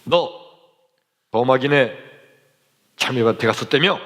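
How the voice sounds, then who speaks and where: A man voicing a stern, strict father disciplining his son with sharp commands, in a reverberant hall. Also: medium pitch, measured pace, lightly acted.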